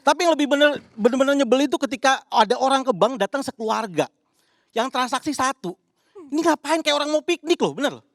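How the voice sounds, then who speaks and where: A man's voice: extremely high pitch, lively intonation, fast, no room sound. A male comedian doing a punchy stand-up set, acting out characters in his bits.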